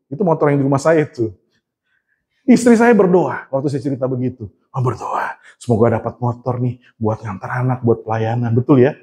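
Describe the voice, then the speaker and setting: High-voiced man preaching conversationally. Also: darkish tone. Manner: conversational storytelling, often addressing the congregation; humorous and self-mocking. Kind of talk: sermon.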